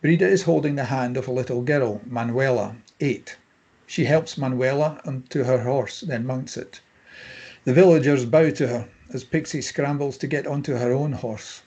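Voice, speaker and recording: At a table read, a man with a husky, dark-toned, mid-range voice reads out scene headings and stage directions as scripted narration. He keeps a moderate pace.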